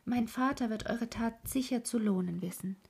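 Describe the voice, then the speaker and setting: A woman voicing a gentle young princess in a whispered role-play of a bedtime fairy tale. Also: a little high, normal speed, gravelly, husky, exaggerated voice. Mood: grateful.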